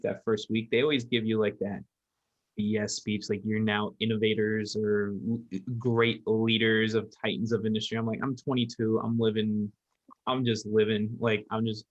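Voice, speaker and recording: A man's voice: on the low side, highs cut off. A man in his early twenties talking casually as a podcast host, rambling and correcting himself as he goes. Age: 20s. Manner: rambling, self-correcting, laughs easily. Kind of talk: casual chat.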